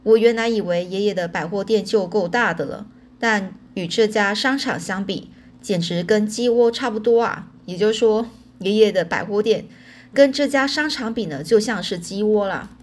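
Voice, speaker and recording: A woman's voice: medium pitch, moderate pace. Woman storyteller, informal read-aloud, explains as she goes. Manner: chatty, explains words and repeats herself. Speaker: audiobook reader. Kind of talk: storytelling narration.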